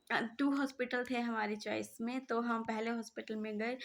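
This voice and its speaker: A young woman tells her own story in a chatty, rambling way, pausing on fillers and starting over often. Her voice sits a bit high, but its pitch stays flat and level. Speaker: vlogger. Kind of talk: casual personal storytelling.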